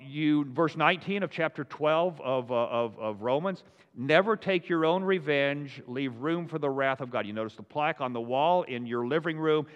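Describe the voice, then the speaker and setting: Man, pastor, fast conversational preaching, frequent check-ins, long reverb, dull sound. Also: fairly high pitch. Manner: conversational, quick, checks in with the congregation. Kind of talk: sermon. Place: church sanctuary.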